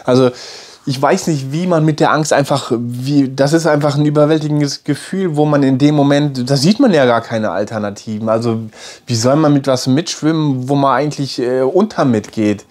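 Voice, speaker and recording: A man speaking in a personal video diary, addressing viewers directly in a halting way, often repeating words and restarting his sentences. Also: mid-range voice, darkish tone. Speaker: vlogger.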